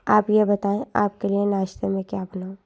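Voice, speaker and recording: A meek young wife speaks in a hushed, resigned voice, as a woman storyteller reads her part. Her tone is low-key and mellow, with a gravelly edge. It sounds like a quiet spoken story. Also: completely flat delivery, lightly acted. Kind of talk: storytelling narration.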